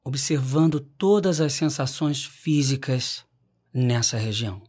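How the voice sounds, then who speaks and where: Calm and unhurried, a man delivers a scripted guided meditation, letting long pauses fall between his phrases. His mid-range voice has a gentle, husky, breathy quality befitting an instructor.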